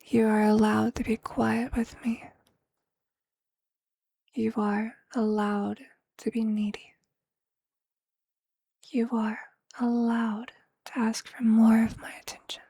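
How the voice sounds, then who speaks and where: In a soft, breathy ASMR whisper, a performer plays a vampire who is tender, possessive and motherly, speaking slowly and intimately in formal, poetic phrasing. The mid-range voice is heavily acted, with no room sound.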